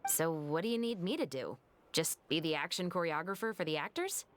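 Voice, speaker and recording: Brief: actress as a stern game officer, low-ish, measured, calm delivery. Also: female voice, slight background noise, lightly acted. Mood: composed. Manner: calm, measured, matter-of-fact. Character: composed adult woman officer, stern and justice-minded. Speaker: investigator. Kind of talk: video game voice acting.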